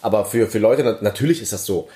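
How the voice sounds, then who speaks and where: A man's voice: on the low side, fast, warm tone. A man, co-hosting a podcast in casual chat, joking and restarting his sentences. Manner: joking, talks in fits and restarts. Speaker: podcast co-host.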